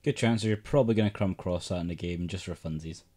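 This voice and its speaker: A man's voice: low voice, fast, warm tone. A man co-hosting a podcast in casual chat, teasing and joking and swearing freely. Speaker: podcast co-host.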